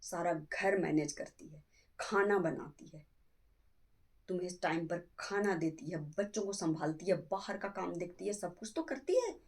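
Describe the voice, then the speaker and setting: A woman's voice: on the low side, expressive, moderate pace, a little mellow. A woman playing a middle-aged mother-in-law in a family skit, scolding her son and defending her daughter-in-law. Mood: lecturing. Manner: scolding, lecturing, emphatic.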